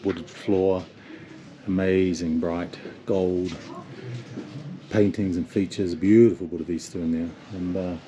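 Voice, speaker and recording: A man leading a motorcycle tour, narrating a travel vlog at mountain monasteries in a reverent, wondering way. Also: sits low. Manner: wondering, softly reverent in temples. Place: outdoors and inside mountain monasteries. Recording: noisy outdoor recording.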